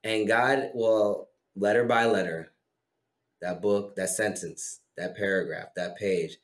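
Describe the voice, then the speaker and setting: A man's voice: fairly low pitch, steady tone, takes it slowly. A young adult man, a podcast guest, talking earnestly and encouragingly about faith and foster care. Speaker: guest, former foster youth. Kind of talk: casual podcast conversation. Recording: roomy echo.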